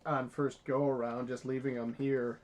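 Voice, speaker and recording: A man's voice: medium pitch, flat delivery, normal speed, darkish tone. A man in casual unboxing chat, talking with upbeat enthusiasm and casual hedges. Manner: upbeat, enthusiastic, hedging with "I feel like". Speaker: co-host.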